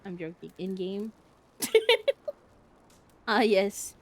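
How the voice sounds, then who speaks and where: A woman's voice: mid-range voice, fairly even intonation, drawn-out words. A woman streamer giving casual gameplay commentary in a playful, giggly, chatty way.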